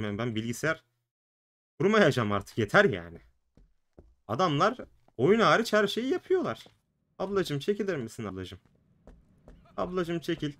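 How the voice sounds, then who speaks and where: A man with a mid-range voice gives chatty let's play commentary. He jokes and banters with the characters on screen and with his viewers as he plays. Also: medium pitch. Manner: chatty, jokey, talks to the game's characters and the viewers. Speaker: gaming video host.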